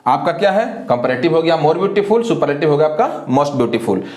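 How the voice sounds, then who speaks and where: A man teaching an English grammar lesson, who asks questions and answers them himself, slow and deliberate, often spelling words letter by letter. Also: a little high, big pitch swings, darkish tone, echoey room. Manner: slow and deliberate, repeats filler phrases.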